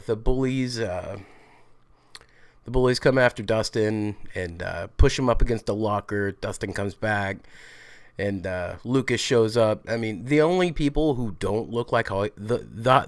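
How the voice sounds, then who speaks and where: A sick vlog host with a rough, medium-pitched voice rants bluntly and casually about a show, swearing freely. There is no room sound on the recording.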